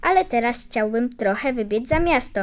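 A tired, contented stray dog in a storybook tale, speaking plainly and wearily, as a woman reader puts him on. the voice stays high and light. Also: lively intonation, normal speed, natural voice. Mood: weary.

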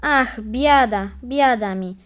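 A woman's voice: on the high side, moderate pace, close to an everyday voice. A woman reading a folk tale aloud, voicing a cruel carter who groans and laments over his losses. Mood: lamenting. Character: wretched greedy male carter, cruel.

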